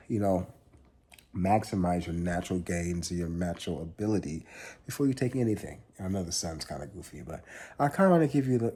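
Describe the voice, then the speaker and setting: A young man in his twenties talks straight to his viewers in a casual fitness vlog. His voice sits low and sounds husky and mellow. He is earnest, circles back on his points and swears offhandedly. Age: 20s. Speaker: fitness vlogger. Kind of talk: casual vlog talk to camera.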